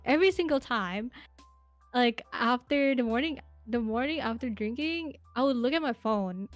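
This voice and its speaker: A woman in her twenties chats casually as a podcast guest, telling rambling stories full of fillers and giggles. Her voice is a little high with lively intonation and a moderate pace. Faint music plays behind her.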